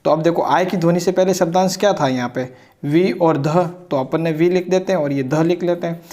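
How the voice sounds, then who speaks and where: Male grammar teacher with a slightly high voice, patient and repetitive, drawing out each sound. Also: dark tone. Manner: repetitive, checks in with "ठीक है ना"; drawn-out spelling of sounds. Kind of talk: blackboard grammar lesson.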